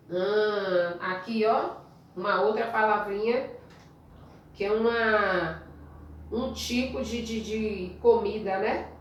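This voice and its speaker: A woman's voice: medium pitch, slight background noise. A Brazilian woman teaching a spelling lesson to young children, speaking patiently and drawing out example words while asking the class questions. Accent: Brazilian Portuguese. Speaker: primary school teacher. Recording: echoey room, voice from far off the mic.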